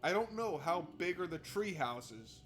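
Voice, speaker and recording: Over background game music, a man reads a visual novel's narration aloud for a let's play and heckles it, sarcastic, exasperated and sweary. His voice sits on the high side with lively intonation and a fairly bright tone, and he speaks unhurriedly.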